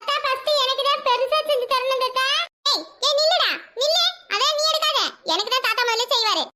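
A woman's voice: very high voice, quick pace, pushed and bright. A woman voicing cheeky, quarrelsome young boys in a cartoon, teasing and bickering over a phone. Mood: pleading. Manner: squabbling, teasing banter. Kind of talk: cartoon voice acting.

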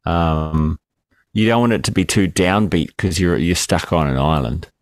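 A man trading jokes on a film review podcast, rambling with lots of fillers and the odd curse. His voice sits fairly low. The sound is dry and close, with no room echo. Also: unhurried. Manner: joking, rambling with fillers and swearing. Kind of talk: casual banter.

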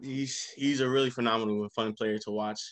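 A man hosting a casual basketball podcast, talking with quick bursts of enthusiasm. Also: medium pitch, fairly even intonation. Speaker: podcast host. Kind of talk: casual sports chat.

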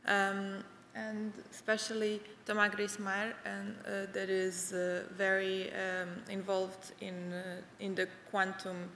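A woman's voice: medium pitch, monotone, slow pace, few pauses, fairly bright tone, slight background noise. A woman in her thirties giving a conference keynote from a stage, talking with many hesitations and restarts. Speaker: award-winning researcher giving keynote. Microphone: podium microphones. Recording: echoey hall with long reverb.

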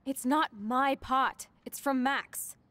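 Brash high-voiced punk girl. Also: steady tone, takes it slowly, pushed and bright, dry recording, heavily acted. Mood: defiant, annoyed. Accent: American. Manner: cocky, slangy, sarcastic. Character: brash, rebellious, sweary punk girl, around nineteen. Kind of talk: video game drama acting.

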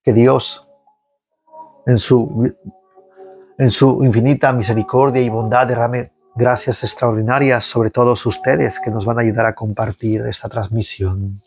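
A man leads a rosary livestream, reciting psalms and prayers at a slow, measured pace. He guides the listeners through each response. Soft music plays faintly behind his voice. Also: mid-range voice, little pitch movement. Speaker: prayer leader.

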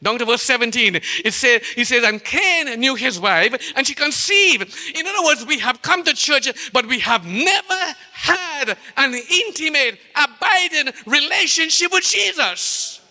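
A man with a Trinidadian accent preaches a sermon in a church sanctuary, his very high voice animated and sharp, moving at a measured pace with hardly any pauses. He poses rhetorical questions and draws out key phrases for emphasis, and the recording carries a long church-hall reverb.

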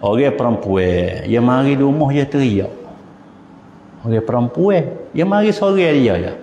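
A religious teacher from southern Thailand gives an informal, chatty lecture in a mosque hall, explaining points and sometimes chanting verses in his Patani Malay accent. His mid-range voice is mellow and expressive, delivered at a measured pace. The echoey hall recording sounds dull and lo-fi, with a slight hiss or hum.

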